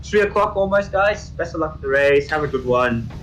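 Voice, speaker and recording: A man from India doing casual commentary on an online racing event as the host, chatty and quick to laugh. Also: a little high, expressive, fairly bright tone, dull audio, a little hiss or hum. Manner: chatty, laughs often, addresses co-host as mate. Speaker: race commentator.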